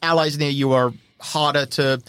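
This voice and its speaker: A man's voice: fairly high pitch, fairly even intonation, moderate pace, fairly bright tone, clear, resonant tone, dry recording, clean studio sound. A man running a tabletop game in casual chat, explaining rules and helpfully suggesting options as game master.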